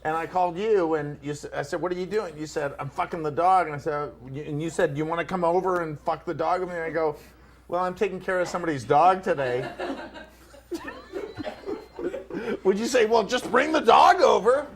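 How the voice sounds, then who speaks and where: An American man in a casual chat, adding quiet, low-key asides. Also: brisk. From United States.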